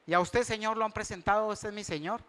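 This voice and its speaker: A man delivers a sermon in a notably high voice. He preaches conversationally as a pastor and turns often to his listeners with questions, drawing them into the talk. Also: steady tone, quick pace, pushed and bright.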